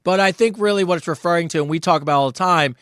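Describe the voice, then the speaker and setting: A man in his forties talks with a somewhat high pitch in a casual podcast chat, sounding dry and close. He is chatty and agreeable and laughs along easily with his co-host. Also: rapid-fire, fairly bright tone, smooth, no echo. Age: 40s.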